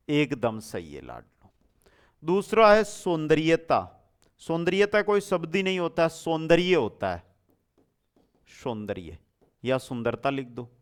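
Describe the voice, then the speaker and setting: A man's voice: fairly high pitch, clean tone. A man with a Rajasthani Hindi accent teaching an exam coaching lesson from India, quizzing students and answering his own questions.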